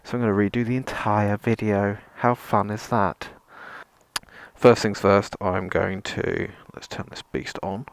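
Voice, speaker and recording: A man's voice: fairly low pitch, steady tone, a little slow, gravelly, slight background noise. A man presenting a casual vlog gear test in a rambling, self-deprecating way, with dry sarcasm and some mild swearing. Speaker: motovlogger, presenter.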